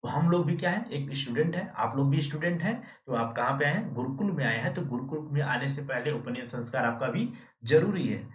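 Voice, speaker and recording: A man's voice: mid-range voice, expressive, a little fast. A man teaching history as a quiz host, asking questions and answering them himself, and answering viewers by name. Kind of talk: live quiz lesson. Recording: echoey room, distant mic.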